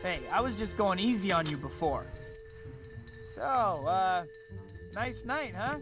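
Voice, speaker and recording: A man's voice: high voice, lively intonation, takes it slowly, full character voice. A young man playing a quippy, good-natured, self-deprecating superhero in a video game, with a boyish manner. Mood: flustered. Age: young adult. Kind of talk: video game cutscene acting. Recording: loud music behind.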